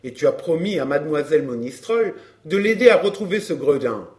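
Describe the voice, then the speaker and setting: A man's voice: fairly high pitch, lively intonation, brisk, a little mellow, close to an everyday voice. A man playing a brash, chatty flirt. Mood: glib. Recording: roomy echo.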